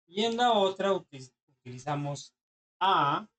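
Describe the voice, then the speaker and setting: An unhurried, expressive teacher with a medium-pitched, slightly bright voice explains English grammar in class. They are patient and keep checking understanding with brief questions.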